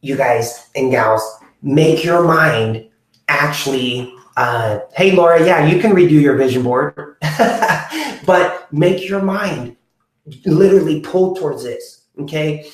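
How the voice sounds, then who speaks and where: A man's voice: a little high, slow. A man in his forties hosting a motivational podcast, talking earnestly to viewers, with many fillers and restarts. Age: 40s. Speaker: podcast host. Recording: very echoey room.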